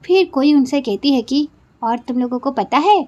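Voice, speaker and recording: A woman's voice: high voice, lively intonation, moderate pace, dark tone, muffled recording. A woman narrating a drama recap in a chatty storytelling way, retelling each line of dialogue and adding her own asides to viewers.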